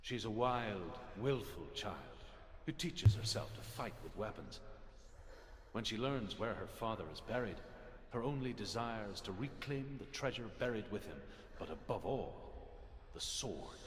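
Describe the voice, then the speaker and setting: A man playing a grave spirit storyteller in a video game, recounting old legends in a measured, solemn way. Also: on the low side, lively intonation, a little hiss or hum, close to an everyday voice. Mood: solemn storytelling. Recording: echoing reverb over loud ambient game sound.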